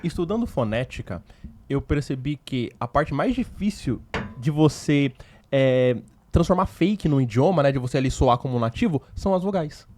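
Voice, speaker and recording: A man's voice: medium pitch, expressive, normal speed, darkish tone, a little hiss or hum. A man hosting a podcast interview as a language teacher, enthusiastic and explaining with examples. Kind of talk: casual interview.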